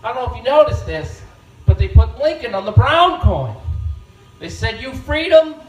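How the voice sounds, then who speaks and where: A man doing an open-mic stand-up set with a deadpan, offhand delivery on a bar stage. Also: very high-pitched, moderate pace. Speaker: stand-up comedian. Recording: echoey bar room from far off.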